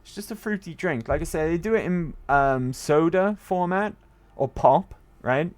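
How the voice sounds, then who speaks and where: A Welshman with a Welsh accent and a voice on the high side talks at normal speed to viewers while streaming a game. His casual stream chat rambles along as he answers messages from chat.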